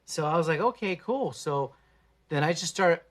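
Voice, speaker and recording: A man hosting a casual livestream, talking in a profane, slangy and animated way into a phone. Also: on the high side, normal speed. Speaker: livestream host.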